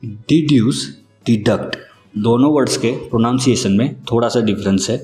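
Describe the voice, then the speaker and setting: A man giving a scripted vocabulary lesson, spelling out each word slowly and carefully, letter by letter. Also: mid-range voice, mellow. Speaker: English vocabulary teacher. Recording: echoey room with faint music underneath.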